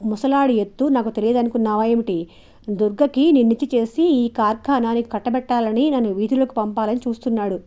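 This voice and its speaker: A woman voicing a drunk, angry young village man who shouts bullying threats in a storybook reading. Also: on the high side, a little fast, dull audio, lightly acted. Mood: furious.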